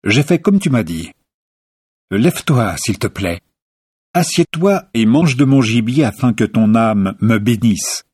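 A man's voice: mid-range voice, lively intonation, unhurried, a little mellow, breathy edge, no echo, clean studio sound, voice pushed up. A man voicing an anxious younger son, speaking earnestly.

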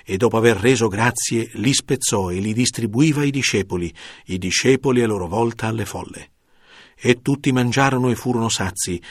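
A man narrating a scripture reading in a measured, even way. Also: medium pitch, breathy edge, dry recording, studio quality. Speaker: scripture reader.

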